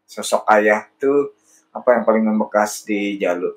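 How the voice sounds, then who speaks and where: A man's voice: lowish voice, normal speed. A man hosting a podcast, asking friendly, curious questions in a casual chat. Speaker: podcast host.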